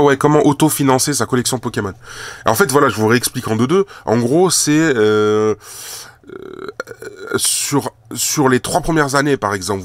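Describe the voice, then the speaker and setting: A card collector and shop owner with a cold chats casually while handling trading cards at a table. His voice sits on the low side in a dry recording, and he rambles with plenty of fillers and repeated words.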